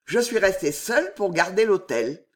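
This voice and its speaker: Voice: medium pitch, expressive, unhurried, lightly acted. A reader voicing a talkative male footman from a grand household, with a familiar, breezy manner. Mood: chatty. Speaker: servant.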